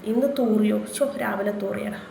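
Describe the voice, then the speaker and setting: Her voice is medium-pitched and dark, with vocal fry, at a moderate pace. She is a woman from Kerala, India, trading crude barbs with viewers during a casual live stream, recorded in an echoey room with faint background noise.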